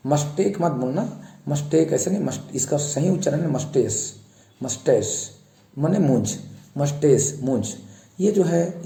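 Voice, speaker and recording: Echoey, dark-voiced male English teacher. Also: on the high side, gravelly. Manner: repeats each word slowly, pointing out face parts. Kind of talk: slow explanatory lesson for children.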